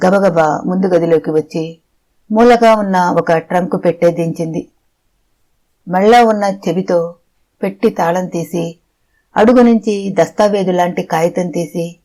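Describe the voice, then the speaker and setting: Mellow, measured audiobook narrator. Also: medium pitch, rough recording. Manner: measured, steady storytelling.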